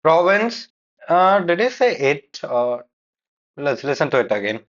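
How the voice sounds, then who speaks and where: A man's voice: fairly high pitch, very animated, unhurried, muffled recording. A man giving feedback on a speaking test, explaining corrections and replaying answers as a coach. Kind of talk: feedback commentary on a recorded test.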